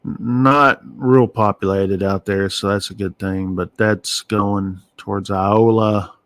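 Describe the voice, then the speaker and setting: A man giving casual live weather radar commentary as an amateur streamer, thinking aloud in short, halting phrases. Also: on the low side, fairly even intonation, fairly bright tone, no room sound. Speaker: amateur storm-watching livestream host.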